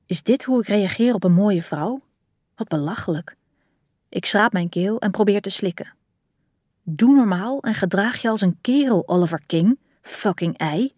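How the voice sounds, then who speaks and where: A woman reading a first-person audiobook in an expressive storytelling manner. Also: mid-range voice, moderate pace, dry recording, clean studio sound. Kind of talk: audiobook narration.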